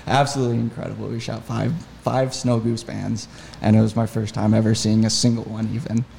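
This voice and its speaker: Gravelly, dark-toned man, keen podcast storyteller. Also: lowish voice, a little fast, a little hiss or hum. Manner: enthusiastic, animated retelling. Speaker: podcast guest, hunting guide. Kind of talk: casual storytelling.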